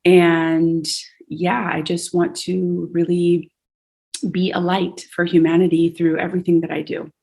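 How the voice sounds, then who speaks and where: A woman from Hawaii who is a singer and yoga teacher speaks as a podcast guest in a casual conversation. Her voice is lowish, gravelly and a little mellow, with little pitch movement and a measured pace. She sounds earnest and reflective, with fillers and restarts.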